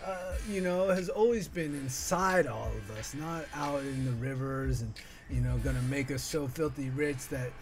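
A man's voice: medium pitch, moderate pace, faint music behind. Earnest rambling man hosting an art channel. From Northern California. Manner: rambling, filler-heavy, earnest. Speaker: artist and channel host. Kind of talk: casual monologue while drawing. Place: home art desk, indoors.

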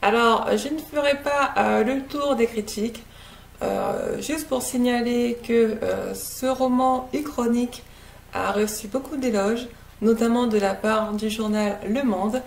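Her voice sits on the high side, with fairly even intonation, an unhurried pace and vocal fry. She's a French Guianese book reviewer talking casually about a novel to her laptop webcam at home in the living room, sitting close and hesitating with many filler sounds.

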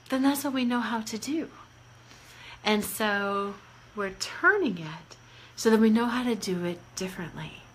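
A woman life coach giving a casual live-stream talk, expressive and playful, swinging between soft asides and loud bursts. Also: medium pitch, slight background noise. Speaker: life coach and energy healer.

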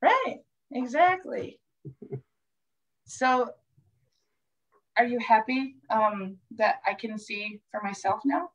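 A woman's voice: a little high, animated, slow pace, long pauses, highs cut off. A woman hosting a casual family chat as a coach. She is upbeat, laughs often and uses many fillers. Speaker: host and coach.

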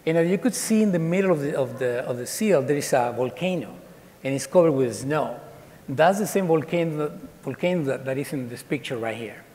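A man's voice: fairly high pitch, brisk. Chatty man talking in a reverberant hall. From Colombia, raised in Ecuador. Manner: lively, chatty, with many fillers and restarts. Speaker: guest speaker. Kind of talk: casual talk to students. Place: large dark auditorium.

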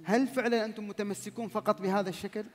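A man with a high, quick voice moderates a panel, posing formal questions and chiming in with short affirmations. His voice rings with a long hall reverb. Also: fairly even intonation, a little hiss or hum. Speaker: session moderator.

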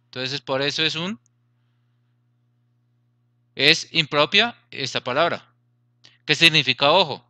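A man's voice: fairly high pitch, slow pace, long pauses, bright, forceful tone, no room sound. A man teaching a grammar lesson, explaining patiently, repeating points and checking that students follow.

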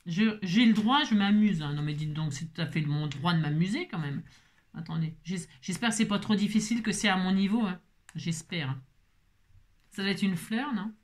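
A woman's voice: lowish voice, normal speed. A woman papercraft vlogger chatting casually as she opens her mail, playful and full of exclamations. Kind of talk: casual chat while opening mail.

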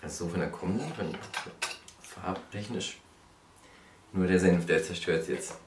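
A man's voice: low voice, a little slow. A man in his thirties chatting casually as he takes part in a food challenge vlog. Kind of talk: casual chat. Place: living room on a couch. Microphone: camera a step or two away. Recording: roomy, distant mic, loud noise, clatter.

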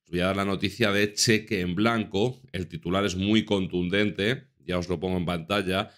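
Speaking indoors in a small room, a man from Spain in his thirties talks his viewers through news articles, addressing them head-on. He has a deep, steady voice at normal speed with a slightly bright quality. His manner is earnest and relaxed, and he drives points home by saying them again.

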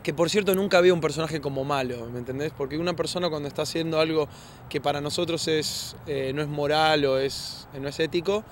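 A man's voice: fairly high pitch, fast talker, slight background noise. A man with an Argentine accent answering interview questions in an earnest, reflective way, often restarting and asking "you know?". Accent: Argentine Spanish. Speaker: actor being interviewed.

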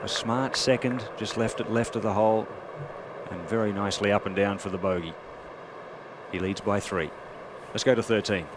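Male golf commentator for live broadcast coverage; fairly deep voice over heavy outdoor noise. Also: fairly even intonation, normal speed. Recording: loud outdoor background noise.

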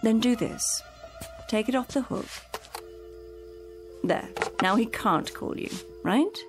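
In a radio drama, an actress with a fairly high voice plays a practical companion calming her elderly employer, speaking slowly over music. She is patient, coaxing him and reasoning gently.

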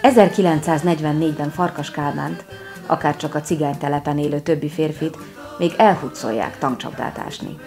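A woman narrating a documentary in a calm, measured scripted style. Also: low-pitched, faint music behind.

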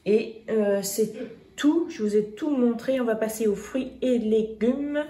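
A woman's voice: fairly high pitch, measured pace, mellow. Chatty woman in an echoey room. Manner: chatty, many restarts and fillers. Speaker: vlogger. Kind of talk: casual grocery haul chat. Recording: echoey room, faint noise.

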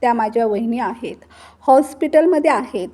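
A woman's voice: fairly high pitch, lively intonation, normal speed, dark tone. Woman voicing an indignant young wife. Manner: pleading and indignant. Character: angry, frightened young wife defending herself.

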